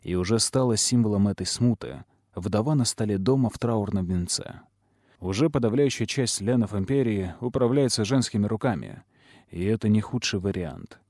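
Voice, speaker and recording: A man narrating a fantasy novel in an even storytelling manner. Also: lowish voice, normal speed, no echo, studio quality. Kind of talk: audiobook narration.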